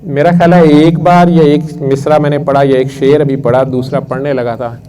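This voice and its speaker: A man earnestly recounting a personal spiritual story at a prayer session, unhurried and reflective. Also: on the high side, little pitch movement, mellow, slight background noise, rough recording. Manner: unhurried and earnest, recites verses slowly.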